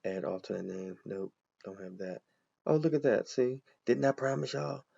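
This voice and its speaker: Gravelly man chatting through a walkthrough. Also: fairly low pitch, normal speed, warm tone, dull audio. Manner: chatty, thinks aloud, addresses viewers as y'all. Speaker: accountant. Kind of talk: casual screen walkthrough.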